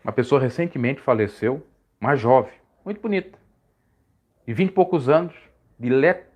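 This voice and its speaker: A man preaching informally on a live stream, with a voice of middling pitch. He rambles and corrects himself as he goes. His pitch leaps upward whenever he drives a point home. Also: lively intonation, normal speed, darkish tone. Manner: rambling, self-correcting, pitch swings high when emphatic.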